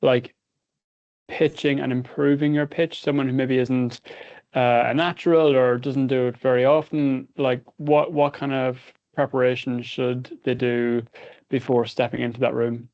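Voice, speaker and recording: A man's voice: medium pitch, little pitch movement, a little slow, dull audio. A man with an Irish midlands accent from County Cavan, casually hosting a webinar in a droll, hesitant way. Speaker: webinar host.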